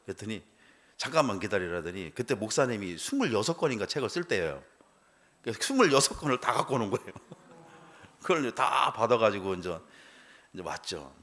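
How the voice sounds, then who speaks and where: A man's voice: lowish voice, very animated, fairly quick, a bit bright. A middle-aged male pastor telling a personal testimony in a church sermon, acting out the dialogue and laughing as he goes.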